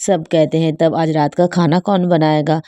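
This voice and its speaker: A woman narrating a scripted bedtime story for children in a flat, even reading manner. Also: low voice, normal speed, dry recording.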